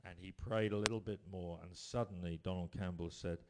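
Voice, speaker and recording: Male preacher, lowish voice, storytelling sermon, swings from bold to hushed. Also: steady tone, fairly quick, background noise. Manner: storytelling, rising to emphatic bursts then dropping quiet.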